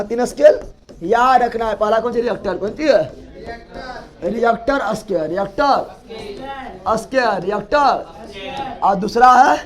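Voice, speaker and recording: A man teaches a class, speaking in a very high voice. He repeats each key word again and again and quizzes his students in loud call-and-response. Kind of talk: classroom lecture.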